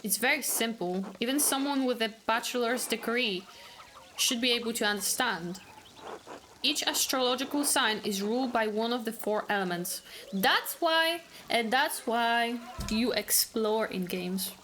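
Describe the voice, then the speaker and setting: A woman's voice: on the high side, measured pace, bright, forceful tone, slight background noise. A woman voicing an arrogant, condescending male village doctor from a video game, reading his lines aloud in a haughty tone. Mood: disdainful.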